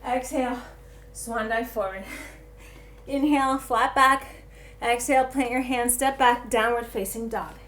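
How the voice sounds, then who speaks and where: A woman's voice: on the high side, fairly even intonation, unhurried, a bit bright. A woman instructor calling out yoga cues while moving along with the class, a little out of breath at times. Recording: roomy echo, faint ambient noise.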